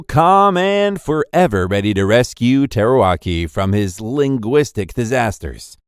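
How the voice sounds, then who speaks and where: Lively, playful male recap narrator. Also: medium pitch, no echo, studio quality. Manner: playful, jokey storyteller. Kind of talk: scripted anime recap narration.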